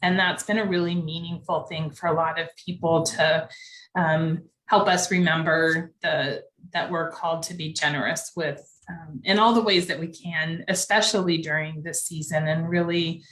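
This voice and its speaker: A woman pastor talks through church news in a relaxed, explanatory way. Her voice sits low, and the room around her rings with noticeable echo. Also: normal speed. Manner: steady, explanatory church announcements. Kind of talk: casual chat. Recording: echoey room.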